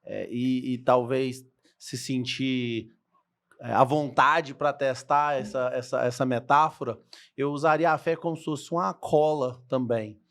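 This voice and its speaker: A man's voice: medium pitch, fairly even intonation, a little slow, fairly bright tone. A man, speaking hesitantly and searching for words in a casual chat.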